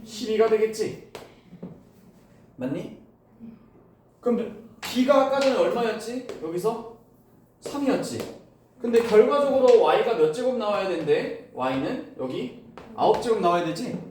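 A man teaching a classroom math lesson, explaining step by step and firing quick questions at his students. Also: high voice, animated, darkish tone, slight background noise. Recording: echoey room, voice from far off.

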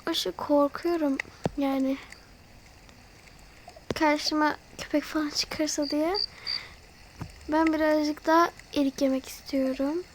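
Slow and full of pauses, this woman's high-pitched voice keeps fairly even intonation, with a little hiss or hum in the audio. Hosting her channel, she chats straight to viewers and voices a role-play over a mobile game, easily scared into gasps and fretting.

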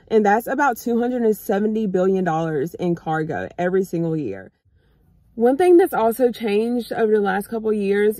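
Sitting in a parked car, an American vlogger in her thirties talks casually to her viewers, addressing them as y'all. Her mid-range voice has a dark tone, captured dry by a phone camera mounted on the dashboard.

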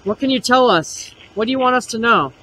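A man hosting a paranormal investigation vlog outdoors, putting questions to spirits in a husky voice. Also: very high-pitched, lively intonation, a little fast, pushed and bright, slight background noise, rough recording. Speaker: ghost-hunting vlog host. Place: outdoors in a cemetery at night.

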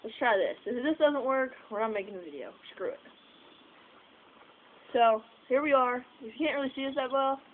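A young vlogger with a high-pitched, expressive voice talks casually at a moderate pace outside a house porch at night. She rambles, using lots of fillers and the odd swear word. The far-off phone camera picks up tinny, noisy sound.

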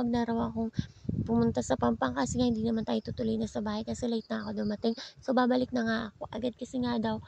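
A woman's voice: on the high side, vocal fry, mellow, a little hiss or hum. A woman from Bicol narrating her vlog in a chatty, playful, self-mocking way. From Bicol, Philippines. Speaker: vlogger. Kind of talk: casual vlog voice-over narration.

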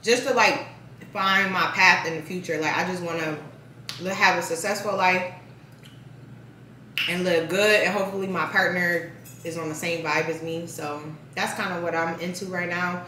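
A young woman vlogger eats and chats casually for a mukbang, filling her talk with "like." Her voice is lowish, pushed and bright, with fairly even intonation at normal speed. The audio has slight background noise and echoes from a distant microphone in the room.

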